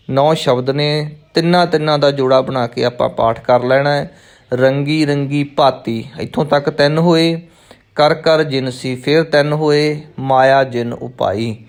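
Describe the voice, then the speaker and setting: A man teaching the correct recitation of scripture. He chants each verse very slowly, then explains the pronunciation in quick, plain speech. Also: medium pitch. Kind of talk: slow recitation lesson.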